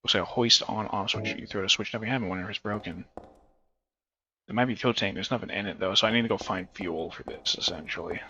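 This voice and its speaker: A man's voice: fairly low pitch, fast talker, pushed and bright, muffled recording, slight background noise. A man casually talking while streaming a horror game, rambling, swearing and joking to himself. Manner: rambling, profane, jokey asides. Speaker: gaming streamer. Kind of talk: casual let's-play commentary. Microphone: phone stream setup.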